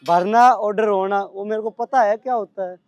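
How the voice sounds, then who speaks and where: A male coach with a Delhi Hindi accent calling brisk commands and scolding his trainees at practice. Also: high voice, fairly even intonation, dull audio.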